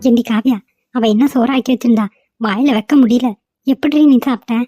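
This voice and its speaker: A woman's voice: fairly high pitch, fairly even intonation, fairly quick, over music, close to an everyday voice. A woman voicing a catty woman who grumbles and gossips about another woman's cooking. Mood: grumbling. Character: gossiping woman griping about salty food.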